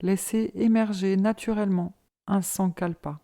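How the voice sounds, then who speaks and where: Slow, mellow woman guiding relaxation. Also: medium pitch. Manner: calm, measured, instructing in short pauses. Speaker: yoga nidra instructor. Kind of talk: guided relaxation meditation.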